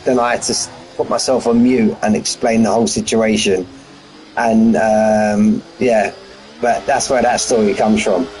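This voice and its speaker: His pitch sits fairly low, with fairly even intonation, a slightly slow pace and a darkish tone as he chats through live sim race commentary from his front room at home, joking with viewers. The low-quality recording carries a little hiss or hum.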